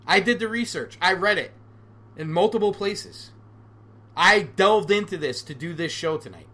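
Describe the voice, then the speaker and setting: A man's voice: a little high, sharp tone. A man in his forties hosting a solo podcast, ranting sarcastically and with animation. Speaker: podcast host.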